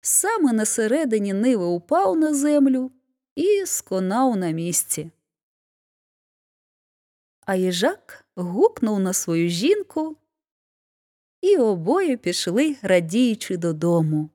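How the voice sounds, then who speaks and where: A woman reads a fairy tale aloud, taking her time over each phrase. Her voice moves expressively up and down as the story unfolds. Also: medium pitch. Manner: expressive, unhurried narration. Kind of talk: storybook reading.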